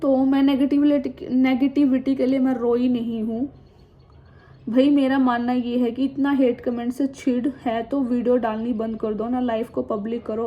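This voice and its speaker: A woman in her twenties chatting casually in a vlog, reading viewer comments aloud and frankly answering back, mixing English words into her talk. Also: a little high. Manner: mixes Hindi with English words and phrases. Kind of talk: casual chat. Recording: dull, slightly muffled sound with faint background noise.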